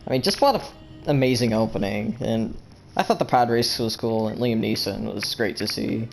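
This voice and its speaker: A man's voice: on the low side, normal speed, gravelly, soft background music, rough recording. A man hosting a casual group chat about films, upbeat and leading the discussion. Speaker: podcast host.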